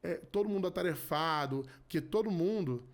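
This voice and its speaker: A man in his thirties speaks as a podcast guest, sharing a personal faith testimony. His voice sits a little high, and his talk is earnest, with frequent restarts and repeated phrases. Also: lively intonation, normal speed. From Rio de Janeiro. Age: 30s. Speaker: podcast guest, gospel musician. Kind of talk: casual testimony.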